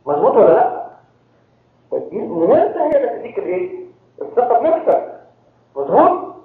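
Fast, high Egyptian priest in echoey hall. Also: male voice. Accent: Egyptian Arabic. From Egypt (Cairo). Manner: quizzes the audience with rhetorical questions. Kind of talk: sermon to a congregation. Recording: very echoey tinny phone-like hall recording.

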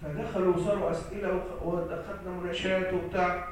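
A man's voice: sits high, level tone, fast, a little hiss or hum. A man with an Egyptian accent preaching a sermon as a priest, emphatic, repeating key phrases and answering his own questions, recorded from a distance in an echoey hall. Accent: Egyptian Arabic.

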